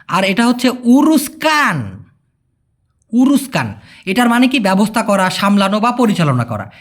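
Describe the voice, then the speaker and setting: Male tutor, Bengali native, high voice, lively intonation, patient and repetitive explainer. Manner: explains patiently, repeats words slowly. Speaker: language teacher. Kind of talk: informal language lesson.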